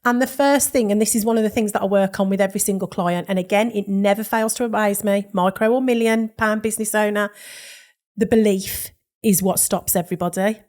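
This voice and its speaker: A woman's voice: medium pitch, fairly even intonation, a little fast, a little mellow. A woman with a Birmingham accent, a brand specialist telling stories as a podcast guest and acting out the dialogue she quotes. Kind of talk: podcast interview.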